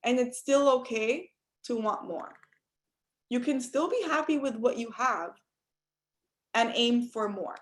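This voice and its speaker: A young adult woman from Cuba, voice a little high and animated, gives an unhurried motivational talk on a group call, leaving long pauses. She is earnest and direct, calling her listeners "you all," and the sound is call audio.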